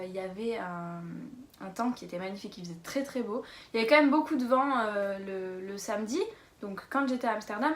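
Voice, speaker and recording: A woman's voice: a little high, echoey room. A young woman from Lorraine chatting casually about a trip in a travel vlog, hesitant and full of fillers. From Lorraine, France. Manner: chatty, hesitant with many fillers, laughs easily. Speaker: vlogger.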